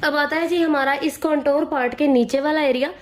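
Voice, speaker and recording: High-voiced hoarse woman teaching makeup. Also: steady tone, a little fast, reverberant, background noise. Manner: patient, repetitive explaining with frequent "theek hai" check-ins. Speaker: makeup tutor. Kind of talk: step-by-step makeup tutorial.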